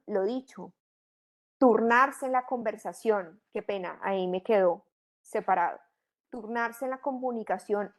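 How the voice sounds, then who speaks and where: Woman teaching a training course. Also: fairly high pitch. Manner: didactic, asks rhetorical questions. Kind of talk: online training lecture.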